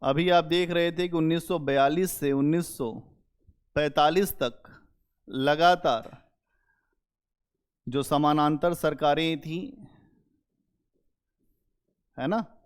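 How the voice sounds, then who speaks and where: A man teaching an exam-prep history lecture, speaking slowly and emphatically, repeating key phrases and asking students rhetorical questions. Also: a little high, smooth.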